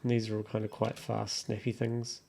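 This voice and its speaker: This music production tutorial creator speaks in a fairly low, dark monotone at normal speed, casually muttering to himself as he demonstrates production steps on his computer. Keyboard typing and mouse clicks are clearly audible.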